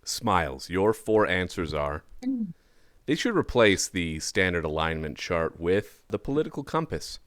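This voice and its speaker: A man's voice: low-pitched, very animated, measured pace, a bit bright. A man hosting an online party trivia game, reading prompts aloud in a laid-back drawl and laughing often. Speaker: game show host. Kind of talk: casual online game chat.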